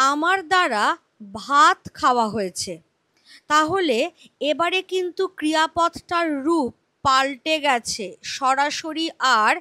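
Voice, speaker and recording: Bright-voiced woman teaching a grammar lesson. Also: high voice, dry recording. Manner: explains patiently, asks and answers her own questions.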